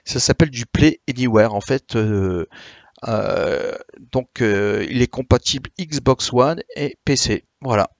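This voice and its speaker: A tired man chatting live with his stream viewers, filling his sentences with hesitations and restarts as he explains things. His voice sits at a middle pitch and sounds dry and close, with no room around it. He keeps a friendly, unhurried way of answering questions. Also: no echo, lo-fi sound. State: a bit tired. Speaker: Twitch streamer.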